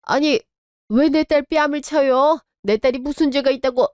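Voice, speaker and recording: A woman's voice: high-pitched, moderate pace, darkish tone, dry recording, studio quality, natural voice. A woman voicing a middle-aged mother in a radio drama, indignant and protective of her daughter. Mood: outraged. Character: bride's mother, protective and outraged.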